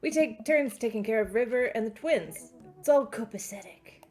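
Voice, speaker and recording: A woman's voice: fairly high pitch, expressive, normal speed, a little mellow, soft background music, lightly acted. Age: adult. Figure: surfer bro dad voiced by a woman. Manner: drawling, calls everyone bro. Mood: easygoing. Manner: drawling surfer talk, says bro and dude. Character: laid-back surfer bro dad, young man. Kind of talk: reading a dating game aloud.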